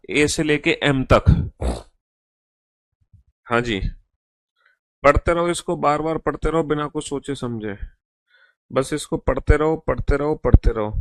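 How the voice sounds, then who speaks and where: A man's voice: on the high side, a bit bright, no echo. A male English teacher giving an online class in Hindi, reassuring students and repeating his instructions in a coaxing way. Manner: coaxing, repetitive, calls students beta.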